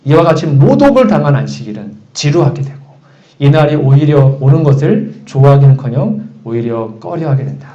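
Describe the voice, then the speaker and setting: Animated male pastor in echoey church. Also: mid-range voice, brisk. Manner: animated, rhetorical questions to congregation. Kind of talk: sermon. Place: church sanctuary. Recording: echoey church room, dull lo-fi sound.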